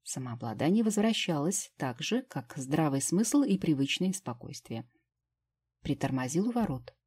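Low, husky woman narrating fiction. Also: sing-song, normal speed, darkish tone. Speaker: audiobook narrator. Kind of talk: first-person fiction reading.

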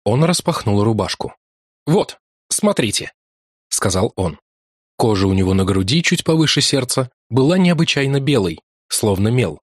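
A man narrating a fantasy adventure audiobook in measured, even storytelling, close to the mic in a studio. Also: mid-range voice, dry recording. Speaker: audiobook reader. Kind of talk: scripted literary narration. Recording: dry close studio sound.

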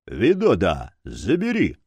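A man's voice: medium pitch, wildly swooping pitch, a little slow, darkish tone, no echo. A man playing a smug, mocking cult leader. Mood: commanding.

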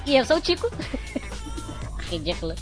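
A man co-hosting a podcast with his voice sped up like fast-forwarded tape, sounding like a chipmunk as he wryly reads listener emails. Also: very high voice, wildly swooping pitch, soft background music, exaggerated voice. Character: squeaky sped-up chipmunk male host.

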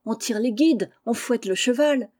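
A cheeky, boisterous little boy in a storybook reading, high and loud as he eggs a horse on, as a woman narrator puts him on. His voice is bright with mischief and carries a soft, mellow undertone. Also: a little slow. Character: lively, cheeky young boy driving a cart. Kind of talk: audiobook character reading.

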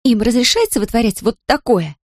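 A woman's voice: fairly high pitch, big pitch swings, brisk, no room sound, studio quality, pitched above the performer's own voice. A woman reader voicing a determined young nanny who speaks sharply and gives orders. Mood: commanding. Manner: sharp, commanding.

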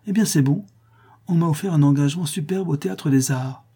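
A man's voice: medium pitch, sing-song, brisk, mellow, breathy edge, voice pushed up. A man reading aloud and voicing a temperamental young woman singer who coaxes and flares up in indignation. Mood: indignant. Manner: coaxing then indignant.

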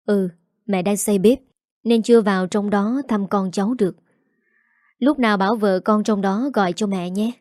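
A woman's voice: mid-range voice, steady tone, normal speed, darkish tone, no room sound, clean studio sound, lightly acted. A woman voicing a bossy, nagging older rural mother-in-law. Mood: curious.

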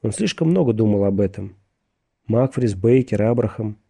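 A man narrates a thriller audiobook in a measured, steady way. His voice is low and gravelly, with a dark, mellow tone.

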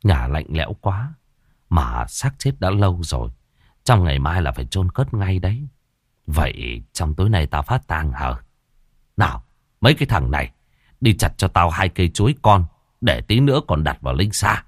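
A man voicing a gruff, weary village ritual master who gives instructions in an audio story. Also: sits low, big pitch swings, normal speed, no echo, studio quality, full character voice. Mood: weary instructing.

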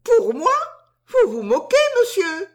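A woman voicing a young female maid who is anxious and easily flattered, in an audiobook. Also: sits high, a little slow, pitched above the performer's own voice. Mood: surprised, flattered.

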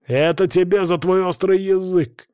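A man's voice: fairly high pitch, animated, moderate pace, no echo, natural voice. Guy doing a nasty hissy henchman, hot-tempered, dry close mic. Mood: spiteful. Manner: hissing, shouting. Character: spiteful male necromancer henchman, hissing and hot-tempered.

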